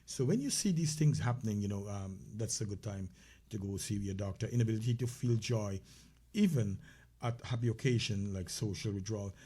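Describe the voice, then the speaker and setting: On a casual health talk show, the Caribbean-accented co-host speaks briskly in a fairly low, mellow voice with a breathy edge. He talks conversationally with many fillers and restarts.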